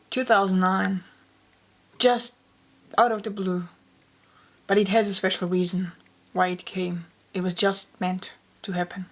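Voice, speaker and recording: Woman, poet, reflective interview storytelling, mid voice, narrow melody. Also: medium pitch. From Austria. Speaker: poet and author.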